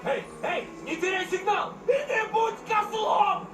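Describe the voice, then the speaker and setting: A man acting in a video game as a wisecracking, talkative cop full of sarcastic, excitable banter. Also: high voice, moderate pace. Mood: panicked. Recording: echoey, distant sound with game music behind.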